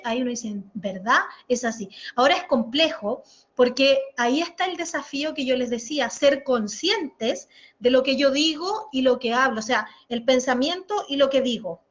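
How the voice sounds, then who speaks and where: A Chilean woman leading an online workshop lesson, articulating with deliberate exaggeration and answering viewer comments as she goes. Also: high-pitched. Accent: Chilean Spanish. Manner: reads viewer comments aloud and responds. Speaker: workshop instructor. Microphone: computer mic, recorded lesson. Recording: dull lo-fi screen recording.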